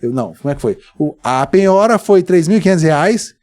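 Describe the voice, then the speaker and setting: A man with a Brazilian Portuguese accent, appearing as a guest on a casual podcast, tells his story with animation and acts out its dialogue. His voice is slightly high and a little mellow, and he talks somewhat quickly in a lively way.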